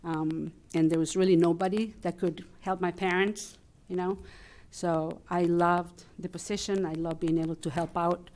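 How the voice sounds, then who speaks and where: Telling a personal story at a meeting, this Chilean family liaison and interpreter, a native Spanish speaker, sounds candid yet hesitant, using fillers. Her fairly low, slightly mellow voice keeps fairly even intonation at a moderate pace.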